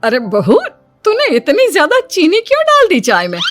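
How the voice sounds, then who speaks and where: A fussy older mother-in-law from a cartoon story nags her daughter-in-law, voiced by a woman. Her voice is high and raised. Soft music runs underneath. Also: big pitch swings, measured pace. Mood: nagging. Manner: nagging and fussy.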